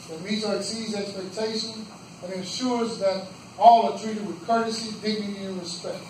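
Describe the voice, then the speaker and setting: A high-pitched man gives a campaign speech in short, earnest phrases. He is picked up from far off in a very echoey roadhouse room, with a faint hum of background noise. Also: a little mellow. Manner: earnest, plain-spoken, pauses in short phrases. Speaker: judicial candidate giving a campaign speech.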